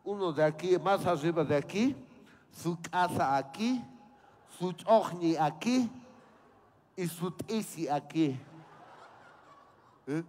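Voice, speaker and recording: A man's voice: high-pitched, slow pace. A man, telling a comedy story on stage and acting out the voices. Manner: animated, acts out voices. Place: outdoor fair stage.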